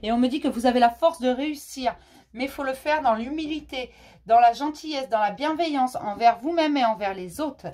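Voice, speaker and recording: A woman giving a general tarot reading, her voice hoarse and fading, who softly repeats her questions to the cards. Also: high voice, fairly quick. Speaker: tarot reader.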